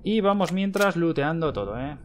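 A young man from Spain with a Castilian accent, giving excitable gameplay commentary, repeating words in bursts and swearing when startled. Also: a little high, normal speed, noisy background. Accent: Castilian Spanish. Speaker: gaming YouTuber.

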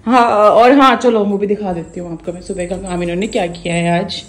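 A woman in her thirties chatting casually in a home vlog, talking to viewers and scolding her pets in a high, loud voice. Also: steady tone, brisk, roomy sound. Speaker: vlogger.

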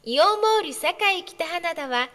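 A woman making polite, measured, formal announcements over a shopping mall's public address system. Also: very high voice, animated, fairly bright tone. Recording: long reverb of a large hall.

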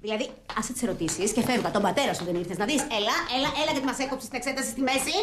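A woman's voice: a little high, lively intonation, reverberant, noisy background, close to an everyday voice. A woman playing a flustered aunt who fusses and scolds. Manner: bossy, fussing, flustered.

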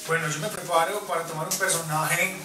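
A man's voice: a little high, little pitch movement, brisk, far from the mic. A man of about thirty with a Colombian accent, explaining his work as an actor in an interview. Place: small indoor room. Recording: echoey room, off-mic, music behind.

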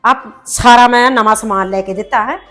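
A woman's voice: a little high, normal speed, fairly bright tone, soft background music, lightly acted. An actress playing a quarrelsome, proud middle-aged village mother who scolds and complains indignantly in a family drama. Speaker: mother of a married daughter. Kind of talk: rural family drama acting.

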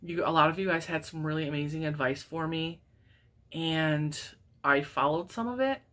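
A woman in her forties with a deep voice hosts her crochet channel from a home craft room lined with yarn shelves, speaking at a normal speed. Her voice sounds wheezy and congested as she chats casually, laughing often and gesturing animatedly with her hands.

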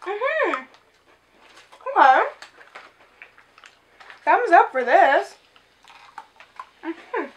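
A young woman hosting a casual candy taste-test, chatty and quick to say things are gross. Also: extremely high pitch, very animated, lo-fi sound. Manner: chatty, easily grossed out, giggly. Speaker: host.

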